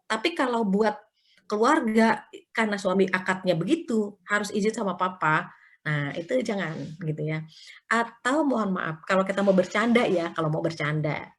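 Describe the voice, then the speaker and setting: A woman's voice: mid-range voice, animated, normal speed. Woman, religious teacher, chatty storytelling talk, acts out quotes, tag fillers. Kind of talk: conversational religious study talk.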